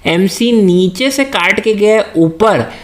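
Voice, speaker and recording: A male teacher lectures a class, asking his students questions and answering them himself, slipping into a Hindi-English mix with English terms sprinkled in. His voice sits high and sounds animated, and he takes it slowly.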